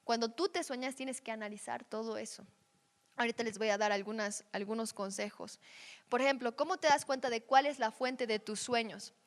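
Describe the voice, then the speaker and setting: A woman with a fairly high voice leads a teaching session in a conversational way, often checking in with her listeners. Her voice carries a long reverb, as if heard in a large hall. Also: fairly quick. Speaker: Bible teacher.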